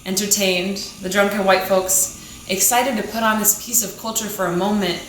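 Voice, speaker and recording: A young adult woman, a student poet, giving a measured, emphatic poetry reading. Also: medium pitch, steady tone, fairly bright tone. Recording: echoey room, faint background noise.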